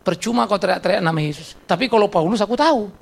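A scornful male demon taunts with mocking questions, put on by a male preacher in his own voice. The voice has a gravelly, creaky grain. It is an everyday retelling inside a sermon, not a fully acted role. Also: high-pitched, fast talker, heavily acted.

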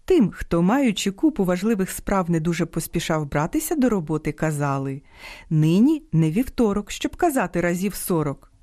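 A woman hosting an educational radio program, reading a script in a measured, precise way. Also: on the low side, sing-song, warm tone, no room sound, studio quality. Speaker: radio host. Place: radio studio.

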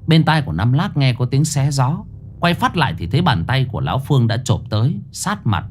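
A man narrating a ghost story in a dramatic, expressive way. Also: mid-range voice, a little fast, slight background noise. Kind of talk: scripted horror story narration. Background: faint music.

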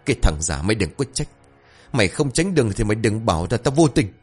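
A man's voice: fairly low pitch, animated, fast, breathy edge, soft background music. A man voicing a hot-tempered middle-aged father, bitter and threatening in his grief. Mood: furious.

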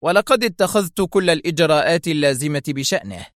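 A man reading a story aloud, voicing a calm, stern and mocking male station chief who answers with provoking indifference. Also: a little high, quick pace, no room sound, clean studio sound, voice pushed up, natural voice. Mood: cold.

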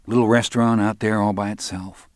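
A man's voice: on the low side, fairly even intonation, brisk, a little mellow, no room sound, lightly acted. A man voicing a laconic, dry-humored man swapping stories at a bar.

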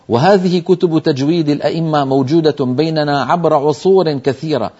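A man's voice: fairly high pitch, a little mellow, dull audio. An older man teaching Quran recitation in a TV lesson, explaining pronunciation patiently and emphatically while sounding out single letters.

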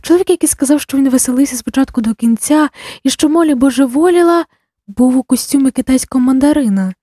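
Mellow, breathy woman narrator. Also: high voice, fast talker, dry recording, clean studio sound. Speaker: audiobook narrator. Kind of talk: audiobook narration.

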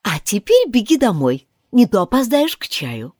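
A woman voicing a gentle, caring older sister in a storybook reading. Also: on the high side, wildly swooping pitch, moderate pace, dry recording, studio quality. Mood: tender.

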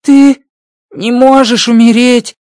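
A squeaky excitable alien engineer. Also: male voice, slow, no echo, clean studio sound. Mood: pleading, upset. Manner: broken grammar, tags questions with a spoken word. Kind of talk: audiobook character voice.

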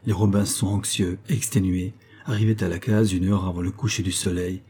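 Low, husky male audiobook reader. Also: level tone, moderate pace, warm tone. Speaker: audiobook narrator. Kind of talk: audiobook reading of a classic novel.

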